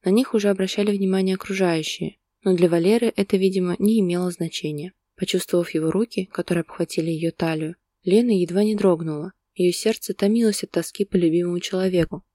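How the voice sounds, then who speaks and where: A woman narrating a romantic story in a calm, even manner. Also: lowish voice, quick pace, few pauses, no room sound, clean studio sound.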